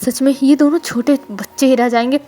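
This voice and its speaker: Woman doing strict calm young man, high voice, firm scolding tone, storybook reading. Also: brisk, lightly acted. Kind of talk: storybook reading of fan fiction.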